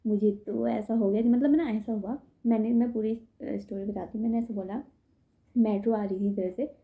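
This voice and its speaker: A young woman from India talks straight to her viewers in a chatty vlog, sounding tired. Her voice sits a little high for a woman. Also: steady tone, moderate pace, phone-quality sound. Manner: chatty, addresses viewers as "bhai" and "guys". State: tired, head aching. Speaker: vlogger. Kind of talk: casual vlog storytelling. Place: indoors at home.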